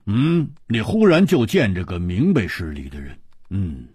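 A man doing a swaggering young hero from a storybook tale, blustering one moment and stammering the next. His husky, low voice swings widely up and down in a dry, close sound. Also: huge pitch swings, unhurried, a little mellow, no echo, full character voice. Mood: hearty. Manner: stammering and hesitant, then blustering. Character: bold swaggering young male hero, easygoing.

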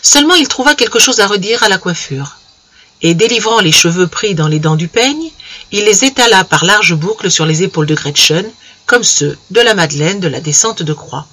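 A man narrating a classic literary story in a measured, expressive reading style. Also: high voice. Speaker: audiobook reader.

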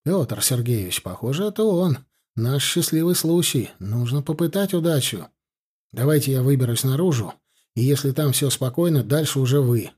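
A man's voice: medium pitch, expressive, normal speed, darkish tone, husky. A man voicing a resourceful male soldier who speaks in a plain, grumbling way, close to his own voice. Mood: resolute.

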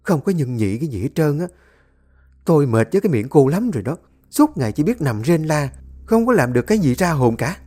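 A storyteller voicing a cruel, domineering older mother-in-law who scolds and shouts. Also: mid-range voice, expressive, fast, pitched above the performer's own voice, close to an everyday voice. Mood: scolding.

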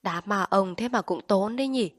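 A woman's voice: medium pitch, normal speed, dry recording, clean studio sound, natural voice. A woman reading aloud voices a practical village wife who complains to her husband about what the funeral cost. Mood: fretful.

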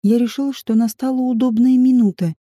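A woman narrating an adventure novel audiobook in an even, measured reading. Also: on the high side, no echo, studio quality.

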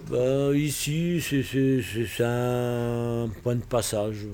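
A Portugal-born man in his sixties, a native Portuguese speaker, reminisces about his life in an interview set in a bar. His medium-pitched, darkish voice has fairly even intonation, with a little hiss or hum in the recording, and he speaks reflectively and haltingly, frequently restarting.

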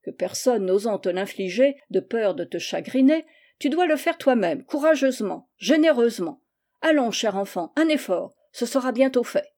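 A woman's voice: a little high, lively intonation, moderate pace, darkish tone. A woman reading a firm, outspoken aunt. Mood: firm lecturing. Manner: firm, lecturing, emphatic. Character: brisk, outspoken older aunt.

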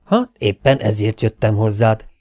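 A man voicing a gruff, impatient middle-aged sheriff in an audiobook. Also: on the low side, big pitch swings, darkish tone, no room sound, studio quality. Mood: urgent. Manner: grumbling, impatient. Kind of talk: audiobook dialogue.

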